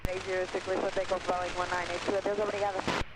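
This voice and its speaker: A man reading back clearances as a pilot over a crackly aviation radio. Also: sits high, completely flat delivery, fast talker. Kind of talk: radio readbacks to air traffic control. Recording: crackly, very noisy airband radio.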